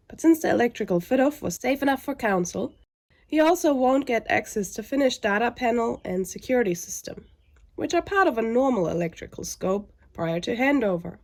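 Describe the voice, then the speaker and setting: Creaky-voiced, weary woman narrating a vlog. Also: fairly high pitch, darkish tone. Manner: frustrated, weary. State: under the weather.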